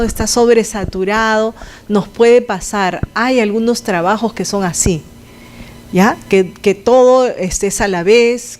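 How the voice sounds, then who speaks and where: A woman's voice: medium pitch, slight background noise. A woman giving a conversational lecture to health students, asking the class questions and adding sound effects.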